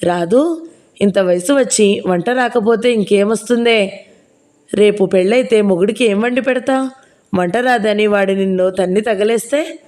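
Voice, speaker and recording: A woman's voice: mid-range voice, a little slow, darkish tone, natural voice. A woman playing a nosy older village gossip. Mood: prying. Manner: prying, scolding, gossipy. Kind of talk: audiobook character reading.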